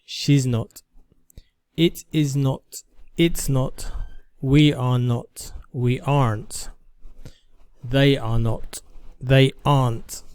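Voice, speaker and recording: A man teaching a beginner English lesson, reading example sentences and verb forms in a careful, measured way. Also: mid-range voice, fairly even intonation, darkish tone, clean tone.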